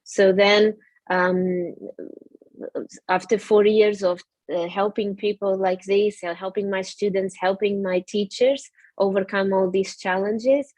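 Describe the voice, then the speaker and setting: In an interview, a woman from Portugal who runs a yoga studio speaks slowly in a medium-pitched, darkish voice with fairly even intonation. She has a Portuguese accent, is earnest and reflective with frequent fillers, and the recording is dry.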